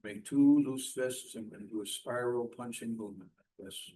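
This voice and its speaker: Male movement teacher, medium pitch. Short, spaced, step-by-step instructions for a qigong class. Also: warm tone, slight background noise, rough recording. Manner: measured, step-by-step cueing.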